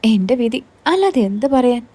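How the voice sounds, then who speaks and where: A woman's voice: on the high side, big pitch swings, moderate pace, dark tone, breathy edge. A woman voicing a weary, bitter middle-aged aunt who speaks in a sorrowful, resigned way.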